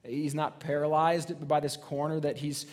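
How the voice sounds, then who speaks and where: A man giving a sermon in a relaxed, conversational way, full of restarts and "right?" tags. His voice sits a little high for a man. He slips into the voices of people in the story as he tells it. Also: moderate pace. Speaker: pastor.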